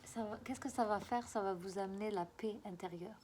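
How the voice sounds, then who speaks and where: Woman, regional French accent, spiritual guide. Mid-pitched, coaxing, repetitive, halting delivery. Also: darkish tone, a little hiss or hum. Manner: coaxing and repetitive, often halting to search for words. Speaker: spiritual guide giving a card reading. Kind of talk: spoken spiritual guidance.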